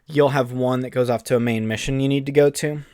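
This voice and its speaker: A man co-hosting a podcast, chatting casually and excitedly in long rambling runs full of fillers. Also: medium pitch, brisk, no room sound, studio quality. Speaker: podcast co-host. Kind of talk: casual chat.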